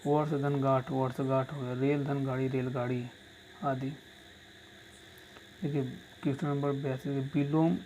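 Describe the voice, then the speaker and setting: Flat-voiced man dictating exam answers. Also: mid-range voice, a little slow, pauses often, slight background noise, rough recording. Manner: dictating answers, repeating lines for notes. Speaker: teacher. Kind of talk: exam-prep lesson.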